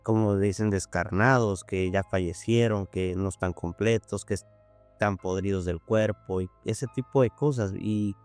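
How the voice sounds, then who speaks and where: A man's voice: on the low side, measured pace, darkish tone, soft background music. A man hosting a podcast, talking thoughtfully and hunting for words with lots of fillers. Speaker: podcast host. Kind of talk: casual chat.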